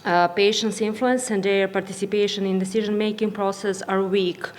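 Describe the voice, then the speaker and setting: A Serbian-accented woman of medium pitch and fairly even intonation delivers a conference talk as a patient advocate. She sounds nervous and halting in her non-native English, speaking to an audience in an echoey hall with clear background noise.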